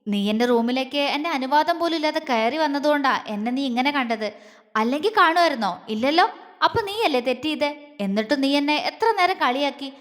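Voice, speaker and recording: A woman's voice: sits high, animated, a little fast, a bit bright. A woman voicing an arrogant young man who taunts and mocks in an audio story. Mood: mocking. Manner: taunting, sneering. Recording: long reverb.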